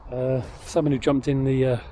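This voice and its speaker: A man vlogging outdoors by a lake, a little out of breath, talking in a halting way with many ums and uhs. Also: mid-range voice, flat delivery, dark tone, slight background noise. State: slightly out of breath. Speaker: angler vlogger. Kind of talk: casual outdoor vlog commentary.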